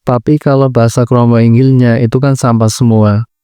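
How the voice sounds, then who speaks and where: A man teaching a lesson, explaining steadily in short, measured clauses. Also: mid-range voice, little pitch movement, warm tone, smooth, dry recording, studio quality. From Central Java, Indonesia. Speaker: Arabic language teacher. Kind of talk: educational lesson.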